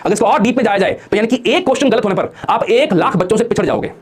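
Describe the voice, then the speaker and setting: A man's voice: high-pitched, animated, rapid-fire, slightly rough. A man giving a motivational study talk to exam students, firing rhetorical questions and answering them himself, coaxing listeners to join in. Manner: coaxes listeners to join in and comment.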